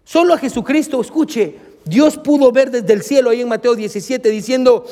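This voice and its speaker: A man's voice: very high voice, normal speed, mellow. A male pastor preaching a sermon emphatically, speaking straight to his congregation. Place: church. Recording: long reverb of a church hall.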